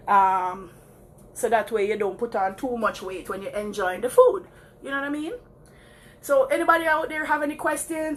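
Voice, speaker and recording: A Jamaican vlogger with a voice on the high side chats casually to her live viewers while walking around the block. She laughs often and keeps calling them "guys," with slight background noise.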